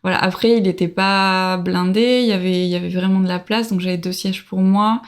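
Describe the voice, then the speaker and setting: A woman in her late thirties from France, guesting on a podcast. She tells her story in a loose, unhurried way, with hesitations and little laughs along the way. Her pitch sits in an ordinary middle range. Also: clear, resonant tone. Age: 30s. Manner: relaxed storytelling with many fillers and laughs. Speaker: guest, traveler. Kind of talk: casual podcast interview.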